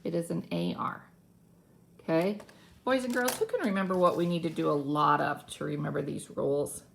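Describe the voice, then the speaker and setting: A woman teacher giving a phonics lesson to young children, animated and full of mock surprise. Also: low voice, normal speed, vocal fry, slight background noise.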